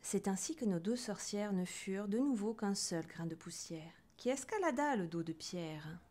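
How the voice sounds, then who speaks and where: A woman telling a children's story aloud in an expressive, theatrical way. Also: mid-range voice, moderate pace. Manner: lively, theatrical.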